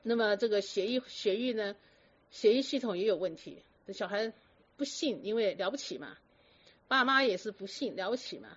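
A woman telling stories about patients to an audience in a lively, lecturing way full of rhetorical questions. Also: mid-range voice, normal speed, slightly rough. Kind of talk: storytelling talk to an audience. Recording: dull lo-fi recording.

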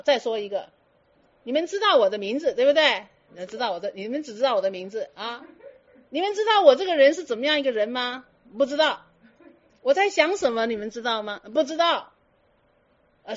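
A woman's voice: on the high side, dull audio. A woman giving a Buddhist dharma talk to students, firing teasing rhetorical questions and slipping in English words. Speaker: Buddhist teacher.

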